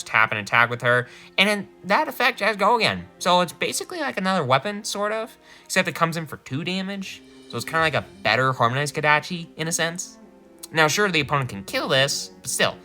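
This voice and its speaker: A man talks through a card set in a casual review, his voice bright and forceful. His pitch swings widely as he gets animated, laughing often and correcting himself mid-sentence. Soft music sits faintly behind him.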